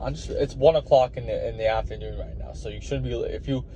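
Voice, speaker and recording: Short on sleep, a young college wrestler rambles casually to the camera in a fast, mid-range voice, stumbling through fillers and restarts. The audio is dull and lo-fi, swamped by loud outdoor noise.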